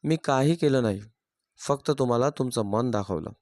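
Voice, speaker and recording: A man's voice: medium pitch, moderate pace, a little mellow, no echo, studio quality, close to an everyday voice. Man reading as a clever kindly priest. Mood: pleased.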